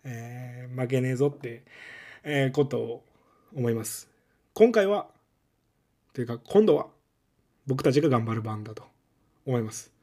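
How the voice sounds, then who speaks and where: A man with a Kansai accent hosting a podcast in a casual solo talk, his voice held low and strained from a lingering cough, speaking gently with many soft fillers in a makeshift room instead of his usual studio. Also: expressive, measured pace, pauses often, husky. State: strained, lowered voice from a cough illness. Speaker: podcast host.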